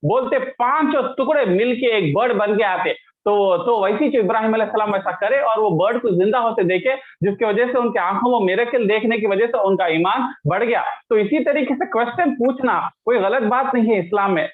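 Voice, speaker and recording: A man's voice: high voice, fairly quick, few pauses. A man giving a casual religious lesson, explaining with everyday examples and English words mixed in. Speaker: Islamic teacher. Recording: tinny phone-line sound.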